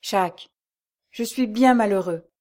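A woman reading aloud, voicing a melancholy, jealous nobleman in her own middle-pitched voice, slow and sad. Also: a little mellow, lightly acted.

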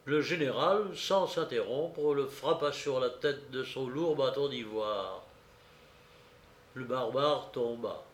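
A man reading a classic novel aloud in a slow, measured narration, lifting his voice for quoted shouts. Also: mid-range voice, roomy sound. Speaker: audiobook reader. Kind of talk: literary narration.

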